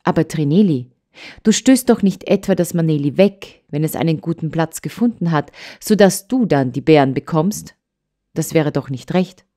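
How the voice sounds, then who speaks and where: A woman voicing a kind, earnest old grandmother in an audiobook, admonishing gently and soothingly. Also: low voice, animated, moderate pace. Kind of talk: audiobook character voice.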